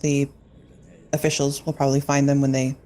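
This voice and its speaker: A woman's voice: extremely low pitch, flat delivery, brisk, dark tone. A woman player in a tabletop horror game, speaking firmly and steadily in character and narrating her agent's actions.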